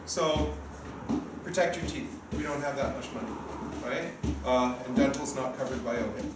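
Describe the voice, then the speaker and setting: This sparring event organizer and referee, a man in his fifties, talks at a moderate pace with a medium-pitched voice. He gives the group a casual coaching briefing, frequently adding quick tag questions, and the audio is a noisy, echoey room recording captured from a distance.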